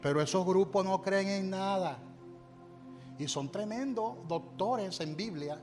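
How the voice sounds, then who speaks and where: A man's voice: sits high, measured pace, a little mellow, faint music behind. A male pastor preaching a sermon with emphatic, repeated refrains, calling on the congregation to repeat his words after him.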